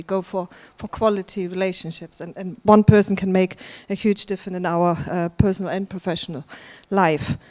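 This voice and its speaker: A woman from Germany hosts a conference in a large hall, addressing the crowd from the stage, chatting with the audience and laughing often. Her voice is mid-range and a little mellow.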